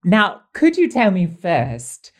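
A man's voice: high voice, huge pitch swings, takes it slowly. A man with a camp, theatrical manner and ornate, florid diction, hosting a podcast. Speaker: podcast host. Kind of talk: scripted podcast introduction and interview.

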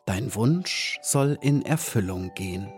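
A man reading an audiobook and voicing a wise male flower elf who speaks calmly and earnestly. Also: on the low side, slow pace, faint music behind. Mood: serene. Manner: calm and earnest.

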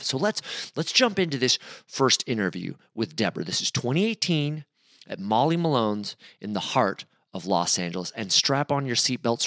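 A man hosting a podcast, narrating an introduction with lively enthusiasm. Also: on the low side, dry recording, clean studio sound. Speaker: podcast host. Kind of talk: scripted narration.

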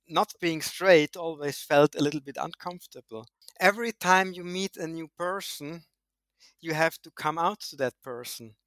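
A man from Austria, a physicist, speaking in a thoughtful, measured way in an interview. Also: fairly high pitch, fairly bright tone, no echo. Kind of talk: interview testimony.

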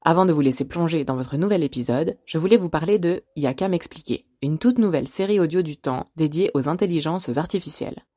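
Low mellow-voiced podcast host. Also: female voice, no room sound, studio quality. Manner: clear, measured, announcer-like delivery. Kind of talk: scripted intro and interview questions.

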